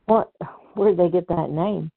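A woman's voice: fairly low pitch, a little slow, creaky, husky, full character voice. A woman voicing a wry young woman from the country, in a storybook reading. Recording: tinny phone-like sound.

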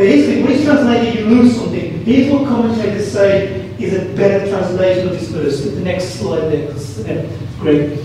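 A high-voiced man with a Birmingham English accent, from Birmingham, England, preaches a sermon to his congregation. He speaks emphatically, repeating phrases and posing rhetorical questions. The recording is very echoey, with a distant mic and clean, noise-free sound.

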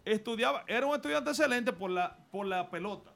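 Earnest high-voiced Dominican man. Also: expressive, a little fast, vocal fry, fairly bright tone. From Dominican Republic. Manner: earnest, reflective, gives life advice. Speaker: studio guest. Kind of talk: personal storytelling in a radio interview.

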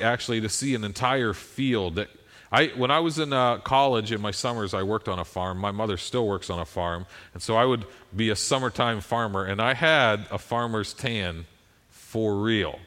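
A man's voice: mid-range voice, a bit bright. Folksy American man preaching conversationally. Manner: folksy, self-deprecating, checks in with "right?". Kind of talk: conversational sermon.

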